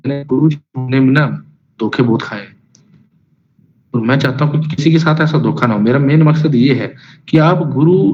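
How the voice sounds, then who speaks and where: Speaking with a darkish, mid-range voice, a man rambles casually through an online singing lesson, addressing his students directly and singing out note names. He's a music teacher, and the lo-fi class audio carries faint noise.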